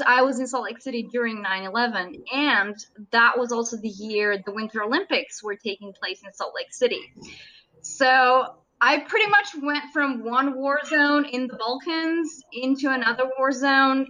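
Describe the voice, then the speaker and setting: A woman's voice: a little high, sharp tone, poor audio. A woman in her thirties from Serbia, a native Serbian speaker, chatting as a surgeon guest in an interview and laughing often. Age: 30s. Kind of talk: casual interview chat.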